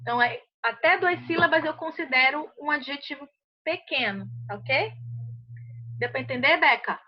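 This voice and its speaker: A Brazilian Portuguese woman explains grammar rules to a class, pausing often to ask if everyone understood. Her voice sits high. The recording sounds muffled and lo-fi. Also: lively intonation. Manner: patient, checks understanding often. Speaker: English teacher. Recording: muffled lo-fi audio.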